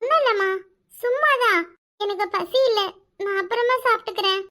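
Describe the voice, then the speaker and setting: A bitter, secretive young daughter from a village cartoon speaks in a very high, bright tone, voiced by a woman. Her Kanyakumari Tamil accent carries pleading words with cold resentment underneath. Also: a little fast. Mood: evasive. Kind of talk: cartoon voice acting.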